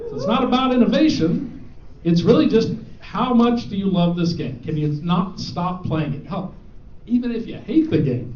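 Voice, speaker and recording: A man presenting student game awards to a live audience, joking and teasing as he reads out the winners. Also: high-pitched. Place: event hall with an audience. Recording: echoey, dull hall recording.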